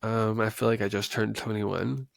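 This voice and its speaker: A man's voice: on the low side, flat delivery, normal speed, vocal fry, dry recording. A man in his twenties from West Texas, hosting a podcast in casual, unscripted talk, rambling and chatty with frequent ums and small laughs. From West Texas, USA. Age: 20s. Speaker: podcast host.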